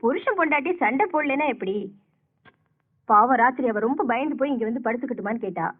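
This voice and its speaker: A composed, smooth-talking young woman, steady and persuasive. Her voice sits high but settled. The sound is tinny and narrow, like an old film soundtrack. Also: fast. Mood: calm, persuasive. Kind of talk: film melodrama acting.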